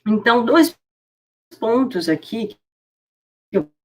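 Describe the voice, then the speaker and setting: A woman's voice: fairly high pitch, expressive, slow, darkish tone. A woman giving an online lecture as a professor, her audio corrupted and cutting out over a video call, with hesitant fillers. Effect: corrupted glitchy audio, cutting in and out.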